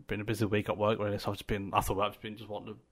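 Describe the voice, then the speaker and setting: A young man co-hosts a podcast, his fairly low voice flat and racing. He chats casually in a laid-back, rambling way full of fillers.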